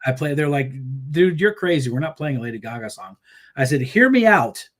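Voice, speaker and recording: Speaking briskly in a slightly high voice, a male musician guest on an interview show chats loosely about his band. He laughs readily, tells stories with animation, and keeps stumbling into fillers and fresh starts.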